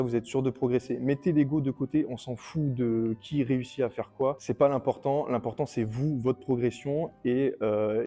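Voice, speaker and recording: A man's voice: medium pitch, mellow. A man coaching a workout in a casual, slangy tutorial, talking straight to his viewers. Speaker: fitness coach.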